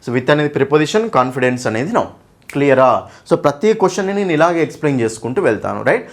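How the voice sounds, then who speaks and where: Racing through an English grammar class for exam preparation, a man with a slightly high voice and lively intonation asks questions only to answer them himself. "Okay?" and "right?" come up constantly, and he affectionately addresses the students as "nanna".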